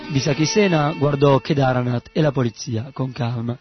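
Man narrating a story over soft music. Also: medium pitch, moderate pace, highs cut off. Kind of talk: scripted narration.

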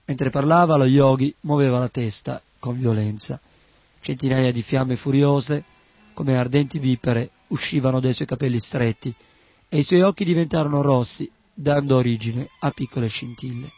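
A man giving scripted narration of a story in an even, steady way. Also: medium pitch, normal speed, no echo, lo-fi sound.

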